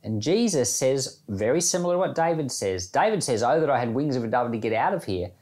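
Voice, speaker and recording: On a Bible podcast, a pastor delivers commentary and prayer as a relaxed, reflective devotional talk, speaking plainly and illustrating points with everyday examples. His medium-pitched voice is a little mellow, expressive, and brisk.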